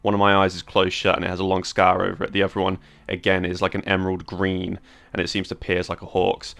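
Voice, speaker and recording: A low-voiced man with a gravelly edge describes his tabletop character in a relaxed, casual way. His tone is bright and forward. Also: quick pace. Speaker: player.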